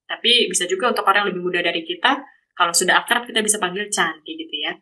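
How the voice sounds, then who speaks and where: A woman's voice: fairly low pitch, rapid-fire, bright, forceful tone, low-quality recording. A woman from Indonesia, a guest speaker giving a casual online lesson over a video call, explaining step by step with many examples. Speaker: guest speaker teaching Japanese.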